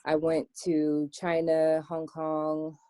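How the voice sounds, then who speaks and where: A young American woman answering interview questions in a relaxed chat, with plenty of "um" and "like". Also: sits low, slow, no room sound. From United States. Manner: chatty, many "um" and "like" fillers. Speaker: interview guest. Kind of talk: casual interview.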